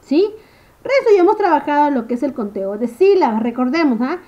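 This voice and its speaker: A high, bouncy woman's voice teaching small children, her pitch swooping up and down as she drawls each word slowly. Her tone is mellow and soft. The sound is dull and lo-fi, like a home recording. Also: big pitch swings. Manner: slow, sing-song teacher talk, stretching words, asking "¿sí?". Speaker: primary school teacher. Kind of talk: remote first-grade phonics lesson.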